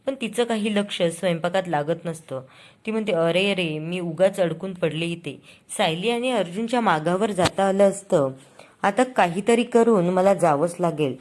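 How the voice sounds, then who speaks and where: Woman recapping a serial, lowish voice. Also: a little mellow. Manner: retells scenes, quoting each character's lines with light emphasis. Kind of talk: casual spoken recap.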